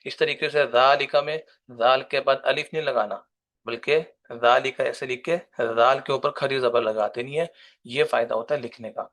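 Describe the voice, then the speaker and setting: A male Arabic teacher in a recorded lesson, his voice sitting at an ordinary middle pitch. He drills each word slowly and deliberately, then explains it patiently, step by step. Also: fairly even intonation, a bit bright. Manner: reads Arabic words slowly, then explains them in Urdu.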